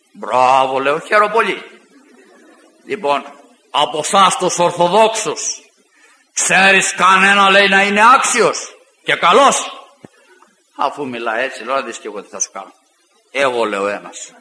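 A man preaching a fiery sermon, rising to shouts and retelling arguments with mocking asides. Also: a little high, slight background noise. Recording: echoey hall with long reverb.

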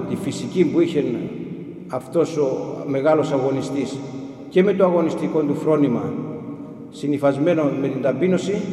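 A monk telling stories of monastic elders in an unhurried, halting way with frequent restarts. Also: male voice, fairly high pitch, dark tone. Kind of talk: storytelling talk about monastic elders. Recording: echoey hall with long reverb.

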